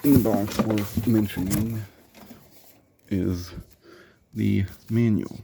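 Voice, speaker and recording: A man's voice: on the low side, fairly even intonation, takes it slowly, vocal fry, background noise. A man hosting a casual unboxing video, rambling with dry, sarcastic asides about the product. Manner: rambling, with fillers and self-corrections. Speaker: host of a product unboxing show.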